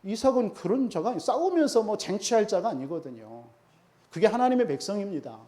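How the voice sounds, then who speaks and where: A man's voice: sits high, big pitch swings, fairly quick, dark tone. A man preaching a sermon as pastor, emphatic and full of rhetorical questions to the congregation.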